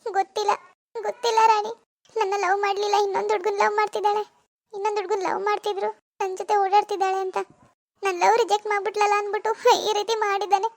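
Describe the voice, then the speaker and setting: A young woman friend in an animated village drama, recounting a sad story and consoling, as a woman plays her. Her voice sits very high, runs quickly and stays level in pitch. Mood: sorrowful. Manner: consoling, explaining.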